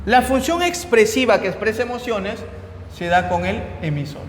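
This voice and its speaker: A man teaching a recorded lecture to students with a Peruvian Spanish accent, checking in with "¿ya?" and "¿no?" as he explains, stressing key terms slowly before trailing off quieter. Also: sits high, faint music behind. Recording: echoey room with long reverb.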